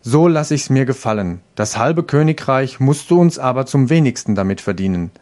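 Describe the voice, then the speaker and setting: A man's voice: medium pitch, lively intonation, moderate pace, darkish tone, lightly acted. A man reading a fairy tale aloud, voicing a cheeky, greedy soldier with a brash, wheedling manner. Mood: bargaining.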